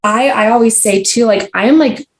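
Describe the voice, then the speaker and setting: A woman's voice: a little high, moderate pace. A young adult woman, a podcast guest, talking in a casual, rambling way full of fillers and restarts. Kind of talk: casual conversational interview. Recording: roomy echo.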